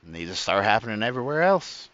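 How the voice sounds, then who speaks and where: Man, very low voice, rambling reaction commentary, self-correcting, profane, dull lo-fi sound. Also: big pitch swings, quick pace, a bit bright, a little hiss or hum. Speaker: streamer reacting to clips.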